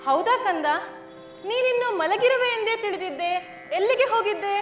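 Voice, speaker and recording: A woman's voice: very high voice, animated, normal speed. A woman playing a tender, poor mother. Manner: tender, soothing, sorrowful. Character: poor, loving mother of a boy. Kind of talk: stage play acting. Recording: echoey hall with music.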